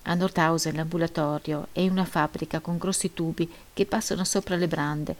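A woman reading the part of a weak, feverish young male prisoner who murmurs quietly to himself, in an audiobook. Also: sits low, steady tone, normal speed, lightly acted. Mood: weary murmur.

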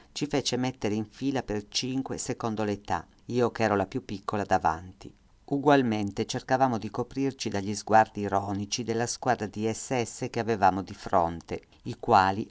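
A man reading a first-person memoir aloud in a measured, grave manner. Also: lowish voice. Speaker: audiobook reader.

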